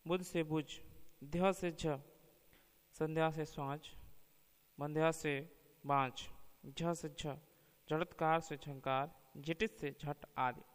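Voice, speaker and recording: A man giving a measured academic lecture, slowly listing word pairs one by one. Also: a little high. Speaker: teacher. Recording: long reverb.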